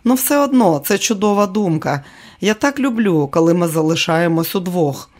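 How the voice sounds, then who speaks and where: A male audiobook reader voicing an affectionate, coaxing wife in a soft, raised voice. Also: high-pitched, expressive, normal speed. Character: affectionate younger wife, woman, attentive. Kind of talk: audiobook character reading.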